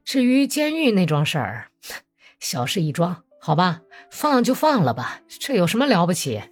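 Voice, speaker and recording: A woman voicing a smooth-talking male Cossack commander who coaxes and persuades. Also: fairly low pitch, sing-song, normal speed, soft background music. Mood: coaxing. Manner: cajoling, persuasive.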